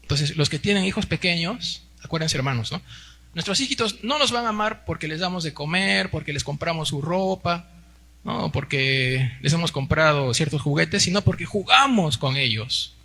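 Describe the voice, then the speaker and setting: A slightly high, animated voice with vocal fry moves at a moderate pace, pushed and bright, with a little hiss or hum in the recording. It's a Peruvian pastor in his forties preaching on Sunday in Peruvian Spanish, calling the congregation brothers and tacking on tag questions.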